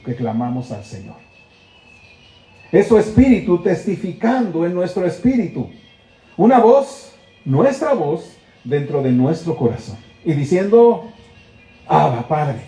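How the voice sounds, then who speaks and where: A man's voice: high-pitched, dark tone. A man with a Mexican accent preaching a sermon in a church, earnest and full of rhetorical questions, acting out heartfelt prayers. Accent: Mexican Spanish. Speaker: pastor. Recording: echoey church room.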